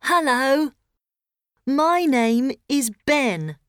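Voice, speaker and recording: A woman voicing an excited young boy in a storybook read for learners. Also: high voice, extremely slow, no echo, clean studio sound, voice pushed up, heavily acted. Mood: friendly. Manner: excited and exclaiming.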